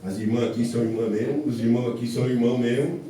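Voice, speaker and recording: A man's voice: medium pitch, fairly even intonation, fast talker, dark tone. A Brazilian man preaching a fervent church sermon, emphatic, repeating phrases and throwing out rhetorical questions. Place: church service before a congregation. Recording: very echoey church hall, distant mic, faint noise.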